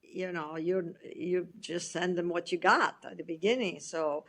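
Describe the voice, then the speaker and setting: This middle-aged Italian author, Italian-accented, chats haltingly as an interview guest, restarting often and laughing lightly. Her fairly low voice stays steady and sounds a bit bright.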